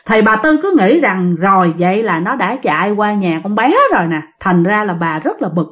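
A woman's voice: mid-range voice, expressive, moderate pace, a bit bright. A woman telling a ghost story in a chatty way, addressing her listeners directly.

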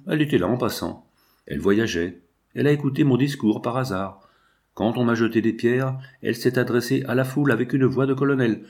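A man's voice: medium pitch, darkish tone. A man narrating a novel as an audiobook, his voice lifting for the quoted dialogue.

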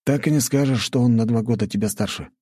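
A man's voice: mid-range voice, fast talker, mellow, slightly rough, no echo, clean studio sound, voice pushed up, natural voice. A man reading a cheerful, teasing teenage boy prince, a schoolmate, for an audiobook.

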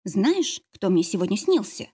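A guilty, uneasy young woman, as a woman reader plays her, hesitant and apologetic. She sounds a little higher and husky, with a lively voice. This is audiobook character reading. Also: measured pace.

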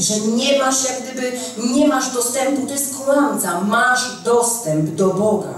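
A woman's voice: mid-range voice, darkish tone, far from the mic, a little hiss or hum. A woman preaching a charismatic sermon, addressing her congregation directly and emphatically. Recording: echoey hall from afar.

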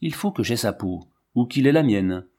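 A man's voice: mid-range voice, expressive, moderate pace, warm tone, natural voice. A man voicing a feverish, half-mad lion tamer. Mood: haunted, agitated. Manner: hissing, obsessive insistence.

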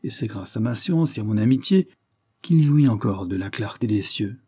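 A man's voice: fairly low pitch, animated, normal speed, mellow, breathy edge, dry recording, clean studio sound. A man reading the part of a playful, mocking young man who teases his friend in a storybook reading. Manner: mocking, theatrical.

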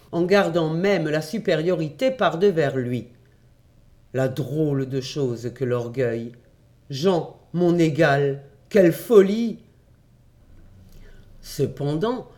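A man reading a classic adventure novel aloud, in measured, expressive storytelling. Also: on the high side. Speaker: audiobook reader.

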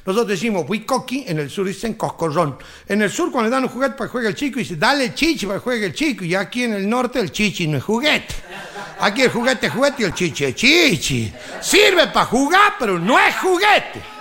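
Man, Tucumán accent, stand-up comic, high bright voice, animated storyteller. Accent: Tucumán Argentine Spanish. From Tucumán, Argentina. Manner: animated storytelling, acting out characters' lines. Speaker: stand-up comedian. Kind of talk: live stand-up joke telling.

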